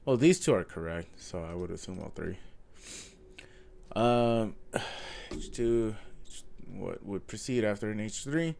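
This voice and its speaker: A self-taught coding vlogger, nasal from a cold, reads a course aloud in a slow, gravelly, darkish voice on the low side, with lively intonation and frequent pauses. He thinks aloud casually as he follows along, with lots of ums and self-corrections.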